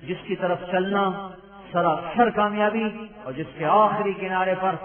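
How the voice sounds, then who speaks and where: An emotional man preaching and pleading, with a fairly high voice. He sounds far from the mic in an echoey space, and the sound is thin and phone-like. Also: steady tone, a crowd in the background. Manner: emotional, pleading, with rhetorical questions and Arabic recitation. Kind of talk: impassioned sermon.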